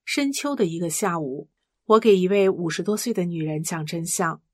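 A woman reading aloud a personal testimony in a measured, earnest way, with a husky voice. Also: lowish voice, darkish tone, no room sound, clean studio sound. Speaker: reader.

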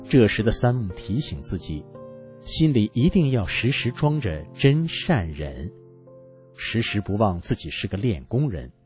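A male radio narrator tells a story in a deep, mellow voice that swings widely in pitch. His reading is earnest and measured, paced like a scripted program. Quiet music plays faintly behind him. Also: sing-song.

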